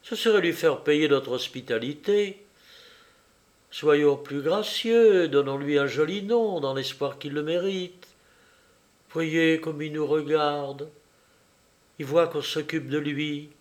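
A man voicing a kind-hearted young woman in a read-aloud story, speaking earnestly and softly persuading. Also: a little high, slow, long pauses. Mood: gentle persuasive.

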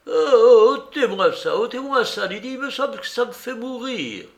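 A man doing a high, rasping dying old beggar. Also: expressive, slow, roomy sound, full character voice. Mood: horrified. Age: older. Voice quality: thin, rattling, failing voice. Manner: mocking and imperious. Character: dying old male beggar, sly and scornful. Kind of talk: audiobook character reading.

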